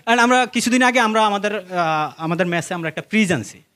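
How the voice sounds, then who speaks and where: A man's voice: high voice, lively intonation, brisk. A young man with a Bangladeshi accent doing conversational stand-up comedy, telling stories to a laughing crowd. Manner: conversational storytelling, addressing the audience and acting out dialogue. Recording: live stage recording with faint noise.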